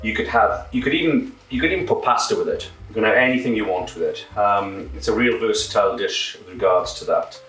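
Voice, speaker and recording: A man's voice: on the low side, fairly quick, few pauses, fairly bright tone, reverberant, low-quality recording. A British man with a camp, cheeky manner, casually presenting a cooking demonstration as a home cook. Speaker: home cook presenting own recipe show. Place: indoor kitchen.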